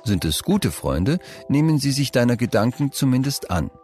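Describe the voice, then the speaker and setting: A man narrating scripted advice for young people, speaking calmly and addressing the listener directly. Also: medium pitch, normal speed, soft background music. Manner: calm, direct second-person advice.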